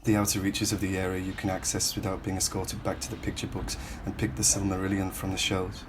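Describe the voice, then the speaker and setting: A man from Hull, England, reading his own literary prose in the second person with a measured, reflective, questioning delivery. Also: low voice, completely flat delivery, noisy background.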